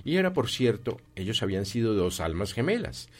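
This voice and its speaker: A man narrating a classic tale in an audiobook, reading in a steady storytelling manner. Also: on the low side, fairly quick.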